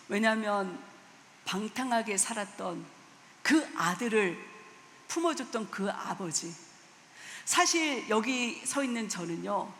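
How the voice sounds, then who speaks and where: A woman's voice: fairly high pitch, fairly bright tone, a little hiss or hum. A middle-aged woman pastor preaching a sermon, telling a story and acting out its voices with emphatic swings. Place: church sanctuary. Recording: echoey church hall with faint ambience.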